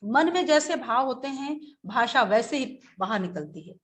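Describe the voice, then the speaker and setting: A woman teacher giving a webinar lecture, speaking slowly and deliberately, now and then acting out short examples. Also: sits high, lively intonation, a bit bright.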